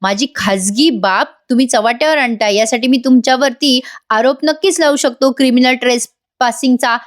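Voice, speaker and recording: A woman's voice: on the high side, moderate pace, close to an everyday voice. A woman voicing a stern young man who sharply defends his family in a retold TV scene. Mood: indignant. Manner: sharp and indignant.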